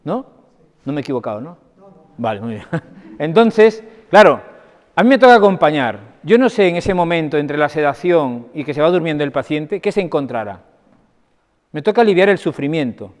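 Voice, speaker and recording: A man with a fairly high voice gives a lecture as a doctor, speaking conversationally and weaving in anecdotes. He keeps checking in with his audience as he goes. His voice rings with the long reverb of a large parish hall. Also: expressive, moderate pace. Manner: conversational, anecdotal, often asks the audience for agreement. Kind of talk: conference talk to an audience.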